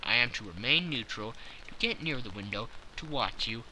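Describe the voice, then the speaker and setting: A man voicing an obliging, loyal gentleman doctor in an audiobook, answering in an agreeable and dutiful manner. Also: mid-range voice, expressive, normal speed, slight background noise, voice pushed down, low-quality recording. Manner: agreeable, dutiful, brief replies. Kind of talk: audiobook character dialogue.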